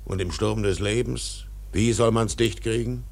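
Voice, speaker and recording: An actor in a radio drama playing an obsessed, tyrannical older whaling captain, declaiming grandly in a gravelly, husky voice. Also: male voice, fairly low pitch, steady tone, unhurried. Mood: furious, scornful. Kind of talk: literary radio drama acting.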